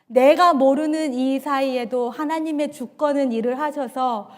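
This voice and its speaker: Impassioned high-voiced woman pastor. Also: fairly even intonation, measured pace, darkish tone. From Korea. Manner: impassioned, emphatic, with rhetorical questions. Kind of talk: bilingual sermon.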